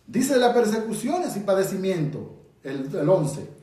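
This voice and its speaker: Leading an interactive Bible study, a teacher from the Dominican Republic questions his group and pushes his points with emphasis, his Dominican Spanish accent clear. His voice is high, sing-song and a little slow with a dark tone, recorded distantly in an echoey room.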